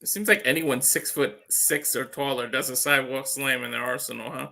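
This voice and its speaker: A man gives casual colour commentary on wrestling as the second commentator. His voice is extremely bright and sharp, at an ordinary male pitch. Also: steady tone, brisk, gravelly.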